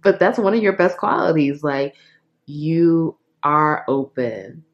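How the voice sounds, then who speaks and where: Low-voiced woman doing a tarot reading, laid-back and blunt, giggles a lot, kinda muffled lo-fi audio. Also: expressive, slow. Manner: chatty, laughs often, frank, filler-heavy. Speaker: tarot reader. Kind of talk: casual tarot reading to camera.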